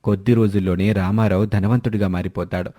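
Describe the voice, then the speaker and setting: A man narrating an animated story in a steady, scripted manner. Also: fairly low pitch, fast.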